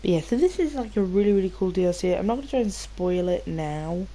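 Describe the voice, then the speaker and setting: Sounding slightly nasal from a cold, a British woman hosts a gaming video with rambling, sweary, informal commentary. She talks fast, her lowish, dark voice full of lively intonation.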